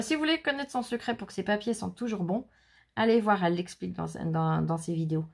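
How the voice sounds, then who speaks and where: A native French-speaking woman hosts her crafting channel in a mid-range, creaky, slightly mellow voice with a breathy edge. Chatting casually and effusively in an unboxing-style segment, she shows handmade cards and teases someone off camera.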